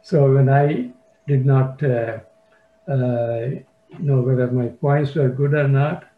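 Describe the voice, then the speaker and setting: A man's voice: medium pitch, fairly even intonation, slow pace. An older man from India with a Tamil-influenced English accent, a poet talking casually on a video call, hesitant and full of fillers and restarts. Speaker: poet sharing his work. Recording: dull lo-fi video call audio.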